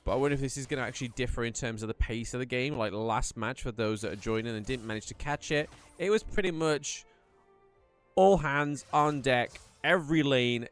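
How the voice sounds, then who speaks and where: A male esports caster calls the game live, chatty and rambling, and lifts into excitement whenever fights break out. His voice sits at an ordinary middle pitch. Faint music plays quietly behind him. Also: quick pace, few pauses. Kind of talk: live play-by-play game commentary.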